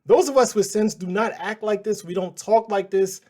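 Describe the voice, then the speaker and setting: A man's voice: sits high, moderate pace, darkish tone. A man hosting a news channel, reacting to clips in a casual, sarcastic and exasperated way.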